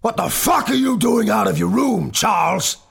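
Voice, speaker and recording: A man voicing a brutal, abusive father who screams in fury, in a dark audio story. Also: lively intonation, normal speed, gravelly, slightly rough, exaggerated voice. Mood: raging. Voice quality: strained high shouting.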